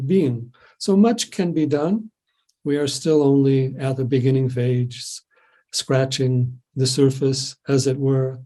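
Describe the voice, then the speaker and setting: A man delivers a spiritual lecture at a slow pace, with a soft-edged, mellow tone. He builds his thoughts in short, measured phrases, pausing as he goes. His pitch sits in the middle range for a man. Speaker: keynote speaker.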